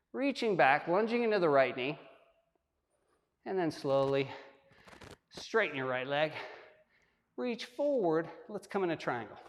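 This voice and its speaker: A man guiding a yoga flow, giving step-by-step cues with relaxed, joking asides while he demonstrates. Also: a little high. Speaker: yoga instructor. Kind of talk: guided yoga class instruction. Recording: long hall-like reverb.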